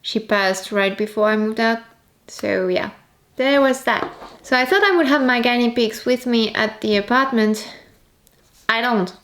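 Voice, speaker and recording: A woman's voice: on the high side, slight background noise. A young adult woman, chatting casually as a vlogger. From Switzerland. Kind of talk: casual vlog chat.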